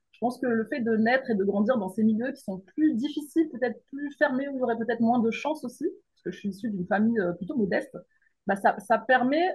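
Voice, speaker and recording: A middle-aged woman from the Paris region in France, appearing as a guest who works as a mindset coach and teacher, speaks thoughtfully in a remote interview, full of fillers and restarts. Her voice is on the high side, a little mellow and slightly rough, and the audio is poor.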